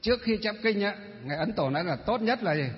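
A man's voice: sits high, lively intonation, quick pace. A male Buddhist monk with a Northern Vietnamese accent giving a dharma talk, posing rhetorical questions and answering them himself. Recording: reverberant hall, dull muffled sound.

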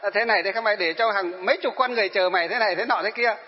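A man voicing an angry young man who shouts insults and accusations. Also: very high-pitched, fast talker, voice pushed up. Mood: furious. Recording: dull reverberant hall.

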